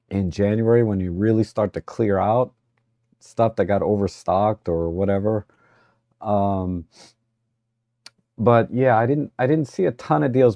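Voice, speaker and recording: Hoarse male livestream host, gravelly, dark tone, halting delivery, dry sound. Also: fairly low pitch, no room sound. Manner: halting, many fillers and restarts. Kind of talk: casual livestream chat.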